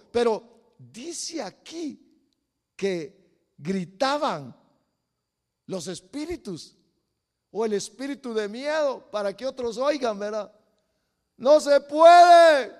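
High-voiced slow preaching man, hall reverb. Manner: preaching with sudden loud exclamations and acted quotes. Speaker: pastor. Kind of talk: sermon.

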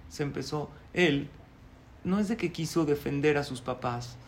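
A male rabbi, telling a story in a sermon, animated and chuckling, asking the audience questions. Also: a little high, normal speed.

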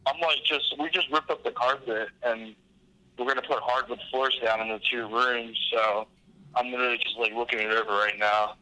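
A man's voice: mid-range voice, steady tone, normal speed, bright, forceful tone. Man on a phone with echoey empty-room sound. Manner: laid-back, rambling with many fillers. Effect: echoey sound from walking through empty, unfurnished rooms. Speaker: co-host on a phone call. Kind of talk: casual chat. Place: empty rooms of his house with bare floors. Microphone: phone call, not on speaker.

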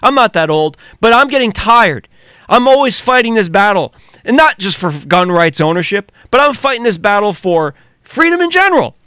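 A man's voice: sits high, sing-song, normal speed, pushed and bright, clean tone, no echo, clean studio sound. An American man delivering a heated, profane monologue rant, angry and sarcastic. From United States. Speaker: commentator.

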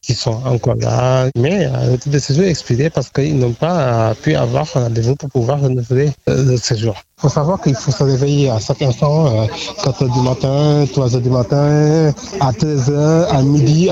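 A man's voice: mid-range voice, creaky. A young man giving a spontaneous, hesitant interview answer. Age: young adult. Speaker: interviewee, former literature student. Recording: dull, slightly lo-fi sound.

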